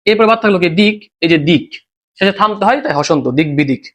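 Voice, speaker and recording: A man's voice: high-pitched, lively intonation, fast talker, fairly bright tone. A male teacher with a Bangladeshi Bengali accent, explaining a lesson step by step and asking and answering his own questions. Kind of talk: recorded grammar lesson.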